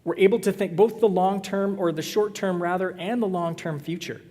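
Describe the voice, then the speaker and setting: A man's voice: high-pitched, fairly even intonation, moderate pace, dark tone. Joking male pastor in a reverberant church. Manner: conversational, joking with the congregation. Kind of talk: sermon. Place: church sanctuary. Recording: long reverb of a church hall.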